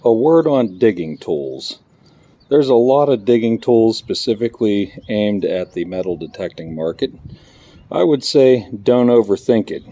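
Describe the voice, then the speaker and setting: A man, vlogging casually as he metal detects in a public park, excitable and chatty as he calls out his finds. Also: lowish voice, unhurried. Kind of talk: casual vlog narration while detecting.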